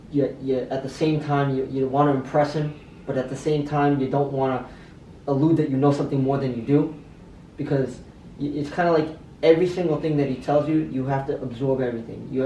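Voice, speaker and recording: A man, a fighter in training, giving casual interview answers in a halting way, often repeating his words. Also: medium pitch, mellow, far from the mic, highs cut off. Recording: echoey room, off-mic, faint background noise.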